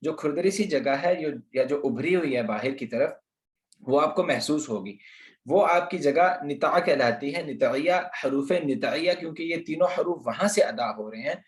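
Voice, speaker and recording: In a slow online tajweed lesson, a man teaches Quran pronunciation, patiently explaining letter sounds and repeating them for practice. His voice is fairly high, at normal speed, with a roomy echo.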